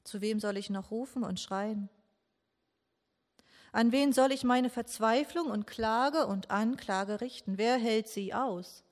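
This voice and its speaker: A woman giving a slow, meditative sermon in a grieving, questioning tone, with long pauses. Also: a little high. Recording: long echo of a large church hall.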